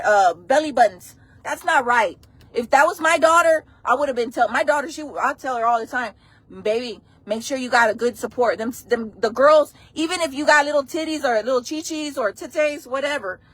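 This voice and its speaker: A woman in her forties hosts a casual livestream chat, reacting to her chat bluntly and playfully. Her voice is high and a bit bright, and the recording is dry.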